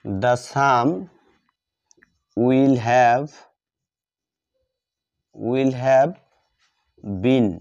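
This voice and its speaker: A man with a medium-pitched, slightly mellow, clean-toned voice speaks extremely slowly with long pauses and fairly even intonation. He is teaching a grammar lesson step by step, writing out examples, dictating word by word and repeating himself. The recording has a dull, lo-fi sound.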